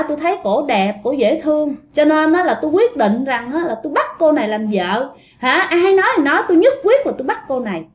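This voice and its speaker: A woman's voice: high voice, pitched above the performer's own voice. Woman putting on a teasing lovesick ghost man. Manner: childish teasing, giggly defiant. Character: playful lovesick young male ghost, stubborn.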